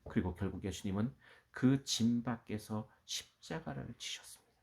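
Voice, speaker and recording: A man preaching a Sunday sermon as pastor, dropping to near whispers and then rising to loud, ringing declarations. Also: medium pitch, moderate pace, gravelly. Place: church.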